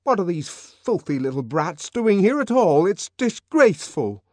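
A man's voice: high voice, very animated, measured pace, no echo, voice pushed up, full character voice. A man voicing an indignant young man whose voice trembles with anger.

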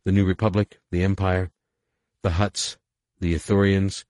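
A man's voice: low voice, level tone, unhurried, darkish tone, no room sound, clean studio sound. A man voicing a tired but earnest female scientist who argues urgently and insistently. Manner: urgent and pleading. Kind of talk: audiobook character voice.

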